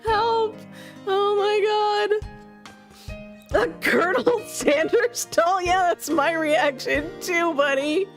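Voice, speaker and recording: A woman streams a visual novel live, reading the narration aloud and breaking into giggly, amused asides and reactions. Her voice is very high-pitched, she takes it slowly, and faint music plays behind.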